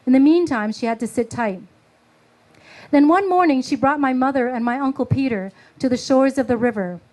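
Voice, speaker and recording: A woman's voice: high voice, darkish tone, rough recording. Woman reading her story aloud. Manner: halting, filler-heavy speech between readings; slow, measured literary reading. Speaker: author reading her work. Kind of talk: book reading. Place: book launch event.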